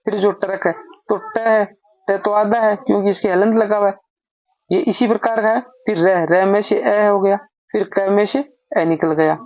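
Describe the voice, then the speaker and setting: High-pitched and steady, a little mellow, the grammar teacher speaks at normal speed as he writes out his lesson. He patiently poses questions and answers them himself, in a dry, dull lo-fi recording.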